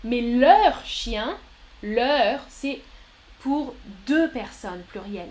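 Slow-spoken high-voiced woman teaching. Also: expressive, a little mellow. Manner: patient, explains slowly with examples; praises viewers often. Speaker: French teacher streaming live. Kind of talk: live-stream language lesson answering chat.

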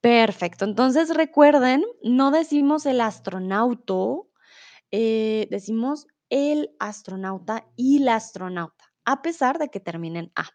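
A woman's voice: fairly high pitch, lively intonation, darkish tone, no echo. A woman from teaching Spanish on a live stream, reading viewers' chat aloud and encouraging them patiently. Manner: patient, encouraging, repeats words slowly and switches to English.

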